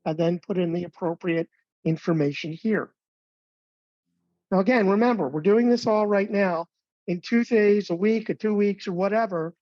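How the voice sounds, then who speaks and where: A man training advisors on planning software in a relaxed, conversational webinar, with fillers and light jokes. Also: high-pitched, normal speed, long pauses, dry recording. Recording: dull, dry webinar audio.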